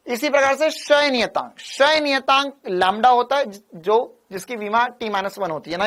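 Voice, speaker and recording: A man's voice: high voice, a bit bright. A man from India teaching physics in a lecture style. He is playful and repeats phrases in a rhythmic way.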